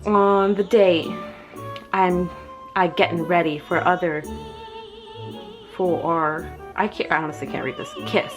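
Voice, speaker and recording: A woman's voice: on the low side, unhurried, pauses often, over music. A young woman chatting casually and reading aloud in an embarrassed, self-mocking way, recorded indoors in a small room. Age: young adult. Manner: casual, sweary. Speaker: vlogger. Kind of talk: casual chat and reading aloud from own diary.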